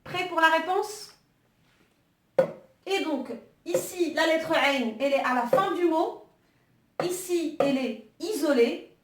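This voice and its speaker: A woman's voice: extremely high pitch, takes it slowly, pauses often, echoey room, far from the mic, noisy background. A woman teaching an Arabic alphabet lesson online, patiently guiding exercises with frequent hesitations.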